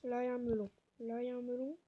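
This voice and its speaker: A woman giving casual gameplay commentary, talking softly to herself and the viewers with self-mocking asides. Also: fairly high pitch, flat delivery, very fast, highs cut off, noisy background. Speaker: gaming video creator.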